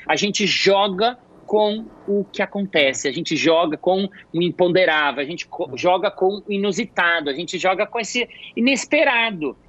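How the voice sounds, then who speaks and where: A man's voice: high voice, moderate pace, few pauses, dry recording. A man who works as a hospital clown, telling stories in casual conversation and acting out the voices of the people in them. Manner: animated, acts out quotes with shifting voices. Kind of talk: conversational storytelling. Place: at home. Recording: dull lo-fi dry sound.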